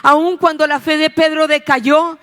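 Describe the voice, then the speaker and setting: A woman's voice: sits high, little pitch movement, unhurried, a bit bright. A woman pastor preaching an impassioned sermon, repeating phrases and asking rhetorical questions. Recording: long reverb of a church hall.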